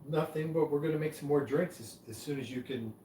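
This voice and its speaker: A man's voice: on the high side, a little fast, mellow. A man hosting a casual live show, talking in a hesitant, dry and teasing way. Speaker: live stream host. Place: pub room. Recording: roomy and distant, faint noise.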